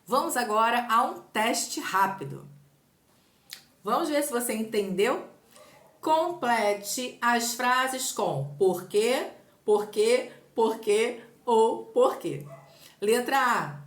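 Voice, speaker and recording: A woman teacher with a Brazilian accent giving an online grammar lesson, explaining clearly and patiently. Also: on the high side, lively intonation, slow pace. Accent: Brazilian Portuguese. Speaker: Portuguese teacher. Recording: echoey room.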